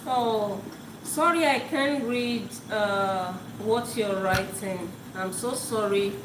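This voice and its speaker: A woman with a medium-pitched voice takes things slowly as she hosts a live cooking stream at home, her first language being Yoruba. Chatting casually, she repeats words while cooking. The audio is echoey, with loud kitchen noise.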